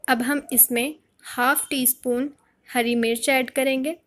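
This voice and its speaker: A woman hosting a home cooking channel, calmly explaining a recipe step by step in a voice-over. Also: sits high, measured pace. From Pakistan. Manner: calm step-by-step instruction.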